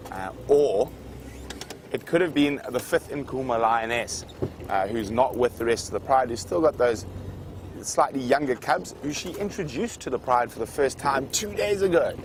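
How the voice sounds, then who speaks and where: A man's voice: mid-range voice, lively intonation, moderate pace. A man guiding a live savanna safari from an open vehicle, explaining wildlife to viewers in an unscripted, conversational way. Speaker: safari guide hosting a live game drive. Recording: noisy outdoor vehicle ambience.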